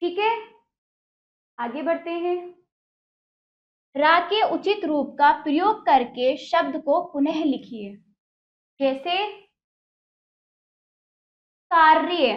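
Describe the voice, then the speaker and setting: A woman's voice: high-pitched, highs cut off. A woman teacher giving a spelling lesson to young children, explaining patiently step by step with repeated examples.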